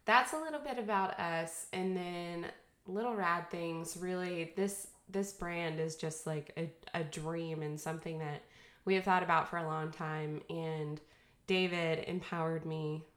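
A woman's voice: on the low side, fairly even intonation, measured pace, fairly bright tone. A woman co-hosting a podcast in a casual, chatty way, laughing often between her phrases. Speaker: podcast co-host and brand founder. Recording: echoey room.

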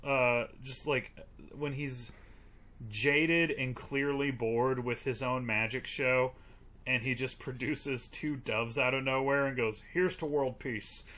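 A man co-hosting a casual movie review podcast, with a bright, edgy tone. He rambles through his points with plenty of ums and likes. He swears freely and breaks into laughter. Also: mid-range voice, fairly even intonation, slow. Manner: rambling, filler-heavy, profane, laughing. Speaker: podcast co-host.

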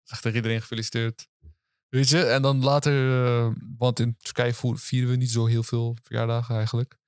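A young man hosting campus interviews, chatting in a relaxed, rambling way with many fillers. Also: mid-range voice, fairly quick, smooth, no echo, clean studio sound. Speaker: host and interviewer. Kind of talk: casual chat. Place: outdoors on a university campus.

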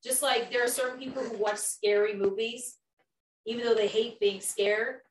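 Preachy high-voiced woman leading a youth group. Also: steady tone, normal speed. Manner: preachy, questioning, emphatic. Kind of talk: informal youth group talk with questions to the group. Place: indoor room with a small group around a table. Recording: roomy, distant mic, faint background noise.

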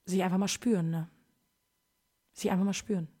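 A woman's voice: on the low side, fairly even intonation, a little fast, mellow. A young woman in her twenties hosting a casual solo podcast from her kitchen, rambling in slangy speech and dropping "Digga" all the time. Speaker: podcast host. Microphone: podcast microphone.

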